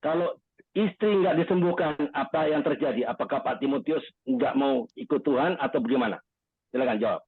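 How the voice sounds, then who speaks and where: Husky man on a phone line. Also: mid-range voice, a little fast, no echo. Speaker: host. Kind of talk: hosting a call-in testimony session.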